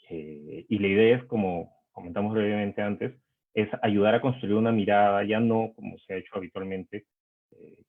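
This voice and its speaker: A man with a low voice opens and moderates a panel, speaking in a measured, formal way and pausing often on hesitant fillers. His voice comes through a tinny, phone-like video call line.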